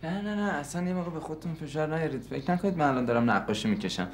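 A man's voice: on the high side, animated, a little hiss or hum, close to an everyday voice. A man playing a sarcastic fed-up painter. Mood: irritable. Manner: sarcastic, snapping. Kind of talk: sitcom acting.

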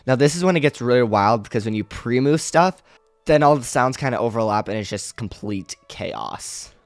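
A man's voice: medium pitch, animated, normal speed, no room sound. A young man giving casual, rambling gameplay commentary as a video creator, talking like a hyped gamer bro. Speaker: video creator demonstrating his own program. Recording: music playing underneath.

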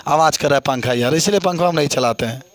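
A man's voice: fairly high pitch, fast. A middle-aged man with an eastern Uttar Pradesh Hindi accent teaching chemistry to a classroom, quizzing students and repeating their answers with encouragement.

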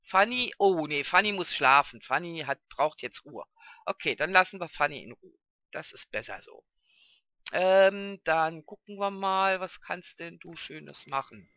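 A man's voice: fairly high pitch, expressive, unhurried, bright, forceful tone, dry recording, studio quality. A man hosting a casual Let's Play, chatting and talking fondly to the characters on screen. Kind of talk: casual gameplay commentary.

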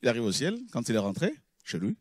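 A man preaching in French, a pastor teaching who repeats key words and swings from loud exclamations to low murmurs. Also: wildly swooping pitch, fast, breathy edge, no room sound, clean studio sound. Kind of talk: sermon teaching.

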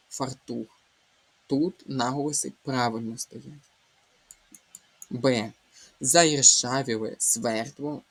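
A young man talks through exam answers like a patient tutor, at an unhurried pace. His voice has a husky edge, and he reads each option aloud before breaking it down sound by sound. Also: mid-range voice. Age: young adult. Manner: explains step by step, reading options aloud and slowly spelling out sounds. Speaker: Ukrainian language tutor. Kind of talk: exam walkthrough lesson.

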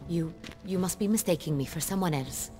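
A woman plays a regal, commanding noblewoman from a fantasy game, formal and urgent in her speech. Her voice is low for a woman. Game music plays behind her. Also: a little fast, warm tone, natural voice.

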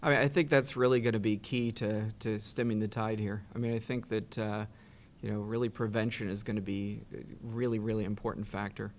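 A man's voice: on the low side, little pitch movement, brisk, slight background noise. A middle-aged man on a studio panel, explaining in a plain way with some fillers. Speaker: oncologist on a panel. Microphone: desk mic.

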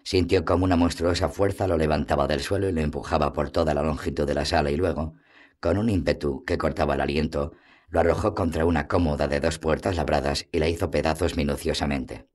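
A man reading a fantasy novel aloud as an audiobook, in steady, measured narration. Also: rumbling low. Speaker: audiobook reader. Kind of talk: scripted narration.

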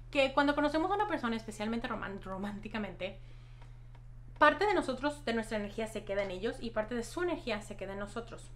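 High-voiced young woman, chatty vlogger. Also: a bit bright. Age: young adult. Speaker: YouTube host and hypnotherapist. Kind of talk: casual explanatory vlog to camera. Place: small decorated room at home, indoors.

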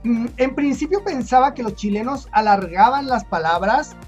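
A woman's voice: on the high side, animated, normal speed, darkish tone, highs cut off, faint music behind. A Mexican woman with a Mexican accent, hosting her video in a chatty, explanatory way and thinking aloud. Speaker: video host. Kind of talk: casual explanatory commentary.

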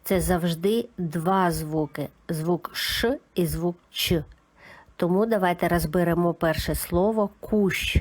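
Slow, patient woman teaching letter sounds. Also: lowish voice. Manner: calm, methodical, spells out each sound. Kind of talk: slow, patient children's literacy lesson.

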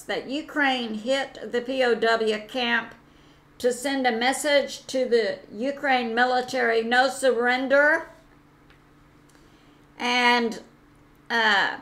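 A woman hosting her own channel, talking through news commentary on her own, pausing often with fillers and correcting herself as she goes. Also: a little high, a bit bright. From United States. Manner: slow, halting, with many "uh" fillers and self-corrections. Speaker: channel host.

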